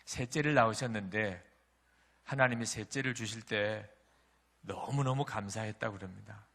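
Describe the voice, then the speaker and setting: A man's voice: lowish voice, moderate pace, gravelly, fairly bright tone. A man preaching a sermon as pastor, impassioned and rising in intensity as he acts out prayers and questions. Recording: long hall reverb.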